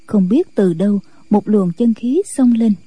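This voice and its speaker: Woman narrator for a martial-arts audiobook, very dark tone, dry close sound. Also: medium pitch, a little slow, slightly rough, no echo.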